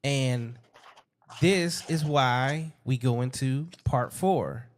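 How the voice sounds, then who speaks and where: A man hosting a casual call conversation, talking in an emphatic way, repeating himself and slowing down to stress his points. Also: mid-range voice, a little hiss or hum. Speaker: host.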